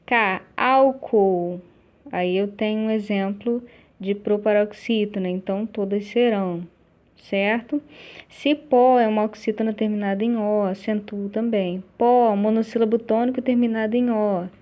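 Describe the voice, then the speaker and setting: A woman's voice: medium pitch, fairly even intonation, normal speed, muffled recording. A woman teacher with a Brazilian Portuguese accent explains grammar exercises in a chatty classroom style, often checking in with her students.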